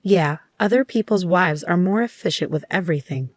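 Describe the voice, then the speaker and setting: A woman's voice: on the low side, moderate pace, no echo, clean studio sound, natural voice. A woman voicing a lazy, dismissive husband with a sarcastic manner.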